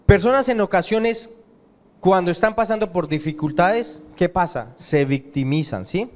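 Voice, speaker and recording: A man preaching a sermon as pastor in a church, emphatic, repeating key phrases and pausing for the congregation to fill in his questions. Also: sits high, expressive, darkish tone. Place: church sanctuary.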